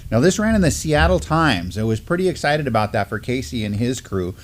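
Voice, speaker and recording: Chatting casually at a desk before a mottled studio backdrop, this middle-aged co-host of a live news talk show keeps restarting and dropping in fillers. His mid-range voice is very animated and a bit quick, with slight background noise.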